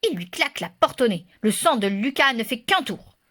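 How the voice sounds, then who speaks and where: A woman reads a children's story aloud in a lively, expressive way. Her voice is high and bright, with a forceful edge. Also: normal speed.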